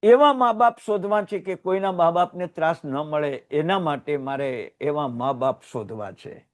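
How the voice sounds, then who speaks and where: Man, Gujarati, Jain sermon, higher voice, emotional storytelling, loud rises and hushed drops. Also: unhurried. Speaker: Jain religious teacher.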